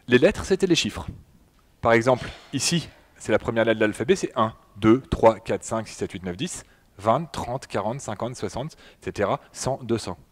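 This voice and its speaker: A man with a French accent giving a public lecture with slides, talking to the audience with many fillers and restarts. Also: medium pitch. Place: public hall in front of an audience.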